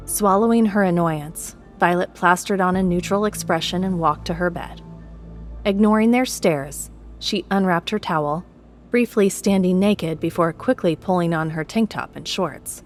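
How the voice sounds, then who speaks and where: Low-voiced woman narrating a drama. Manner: steady storytelling, voices all characters. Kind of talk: scripted audio drama narration. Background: faint music.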